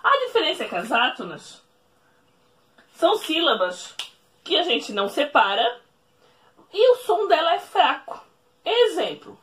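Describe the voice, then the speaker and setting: A woman teacher explaining a lesson at a whiteboard, speaking slowly, repeating each rule and checking in with the class. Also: high-pitched, very animated, a bit bright. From Brazil. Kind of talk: recorded remote classroom lesson.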